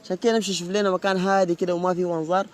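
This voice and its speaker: A man playing a smooth-talking Sudanese student. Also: high voice, flat delivery, rapid-fire, close to an everyday voice. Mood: charming. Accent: Sudanese Arabic. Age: young adult. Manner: chatty, keeps saying "you know?". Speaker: university student.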